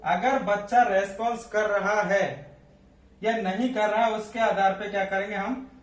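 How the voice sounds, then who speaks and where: Guy teaching nursing, high voice, asks then answers himself, echoey room, mic kinda far. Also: steady tone, a little slow. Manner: asks questions then answers them himself, repeats key points. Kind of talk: classroom lecture.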